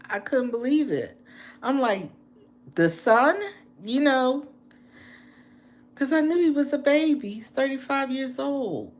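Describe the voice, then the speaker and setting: A woman in her late sixties chatting casually with live-stream viewers, earnest and heartfelt, repeating phrases for emphasis. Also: medium pitch. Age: 60s. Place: indoors, apartment.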